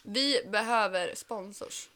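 A woman's voice: mid-range voice, crowd noise. A woman co-hosting a podcast, chatting casually and trading jokes. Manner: joking, teasing banter. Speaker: podcast co-host.

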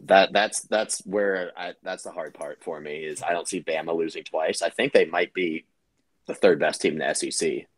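A man co-hosting a podcast in casual sports chat, measured and analytical. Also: low voice, slightly rough, no room sound. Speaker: podcast co-host.

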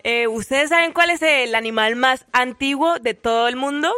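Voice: high voice, normal speed, sharp tone, clear, resonant tone, faint music behind. A radio co-host teasing and joking playfully on a morning show. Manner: teasing, giggly, makes cricket sounds. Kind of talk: casual radio banter.

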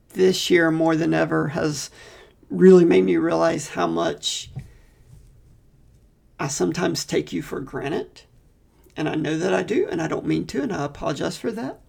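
A man's voice: a little high, creaky, darkish tone, slightly rough. A man hosting a podcast, chatting casually, laughing easily and speaking sincerely. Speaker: podcast host and pastor. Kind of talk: casual chat.

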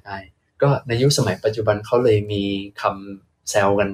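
A man, a monk, retelling an old tale in a casual chat with lively asides. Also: fairly low pitch, normal speed, breathy edge. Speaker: monk storyteller.

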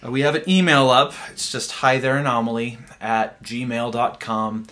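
A man's voice: mid-range voice, steady tone, normal speed, a bit bright. Rambling, jokey young male podcast host. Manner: rambling, jokey, full of fillers and restarts. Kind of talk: casual chat.

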